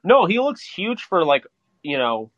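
A man co-hosting a podcast, reacting to a live football game with quick, excitable remarks and frequent laughter. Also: sits high, slight background noise. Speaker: podcast co-host. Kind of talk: casual live game commentary. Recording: dry, dull lo-fi sound.

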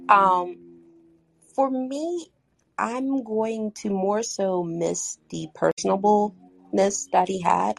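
A woman wrestling journalist on a podcast panel, speaking in a measured, thoughtful way. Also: fairly low pitch, gravelly. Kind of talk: casual podcast chat.

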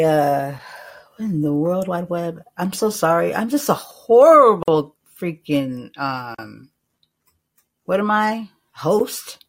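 Gravelly rambling man hosting a call-in. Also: fairly high pitch, darkish tone, rough recording. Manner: rambling, loose, swears, lots of "like" and "right?". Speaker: host. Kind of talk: casual live call-in podcast talk.

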